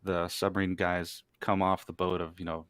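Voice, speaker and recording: A man's voice: deep voice, little pitch movement, moderate pace, fairly bright tone, smooth, dry recording. A man, a former submarine missile crewman, telling stories in casual chat, laughing along easily. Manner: laughs along, chatty, agreeing.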